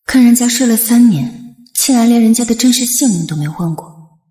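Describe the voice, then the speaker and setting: A woman's voice: a little high, expressive, normal speed, dark tone, breathy edge. A young woman playing a self-assured wife in a drama, speaking curtly and coolly. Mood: reflective. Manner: cool, curt, assertive. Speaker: wife, heroine. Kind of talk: TV drama acting.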